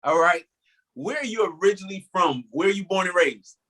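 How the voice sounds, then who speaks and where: A man's voice: sits high, expressive, a little fast, a bit bright, poor audio. A man hosting an interview show, asking questions in an easygoing way and often saying "all right" between them. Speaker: show host.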